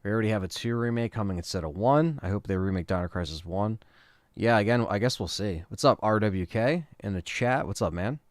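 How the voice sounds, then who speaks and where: A man hosting a casual livestream, answering chat questions in a relaxed, rambling way with lots of fillers. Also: lowish voice, a little fast, no echo.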